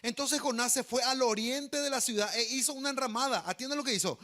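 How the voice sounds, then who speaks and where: A man delivers a lively sermon. His voice sits high and sounds bright and forward. He keeps asking the congregation questions and acts out quoted voices. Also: a little fast. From Paraguay. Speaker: pastor.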